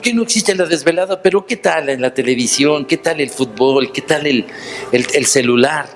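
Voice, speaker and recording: A man's voice: on the high side, moderate pace. Mexican man preaching over music. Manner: storytelling, addressing listeners directly with rhetorical questions. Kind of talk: sermon.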